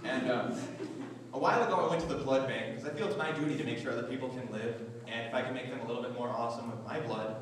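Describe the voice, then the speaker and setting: A young man in his twenties doing a rambling, self-mocking, deadpan stand-up comedy set on a school auditorium stage. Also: medium pitch, fast talker. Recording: echoey hall from far off with noise.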